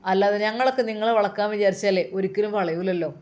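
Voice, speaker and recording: A woman's voice: medium pitch, fast talker, a little mellow, close to an everyday voice. A woman voicing a drunken, lecherous male boss who leers and coaxes with slurred speech. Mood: leering. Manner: slurred, leering, coaxing.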